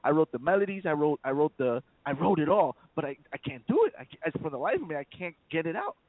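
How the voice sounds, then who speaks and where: Fast and very animated, with a fairly high pitch, the rapper from the South Bronx chats on the radio as a guest. He stumbles into repeated words and fills gaps with "you know" again and again, all over a dry, tinny phone connection.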